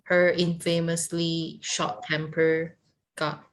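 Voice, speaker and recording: A woman who is a non-native English learner, speaking haltingly in a lesson and repeating phrases back. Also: fairly low pitch, level tone, a little hiss or hum. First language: not English. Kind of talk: conversational language lesson.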